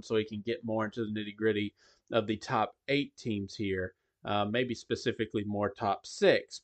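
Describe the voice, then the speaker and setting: A man's voice: medium pitch, a bit bright. A man hosting a podcast in casual sports talk. His voice sounds hollow and echoing, as if he were in a tunnel, because his mic is faulty. He talks in a rambling way, with frequent ums and restarts. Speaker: podcast host.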